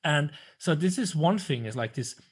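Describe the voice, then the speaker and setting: A man's voice: fairly high pitch, moderate pace, slightly rough. A man in his thirties from Switzerland, hosting a casual interview over a video call at home, talking animatedly. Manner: animated, gestures a lot, swears when flustered. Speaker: podcast host. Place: small room at home. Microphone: desk microphone on video call.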